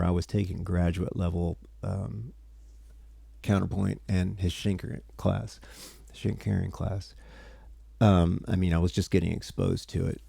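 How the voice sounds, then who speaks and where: Tired gravelly man teaching music theory. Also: low voice, warm tone, no echo. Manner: rambling, self-interrupting, chatty with viewers. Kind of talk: casual livestream lesson.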